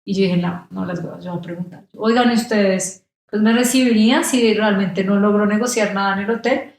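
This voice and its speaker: A woman's voice: medium pitch, fairly quick. A young woman with a Colombian accent tells a story as a podcast guest. She jumps into the voices of the people she meets. The sound is very roomy and echoey. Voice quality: animated, acts out quoted voices. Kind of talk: casual storytelling. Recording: very echoey room.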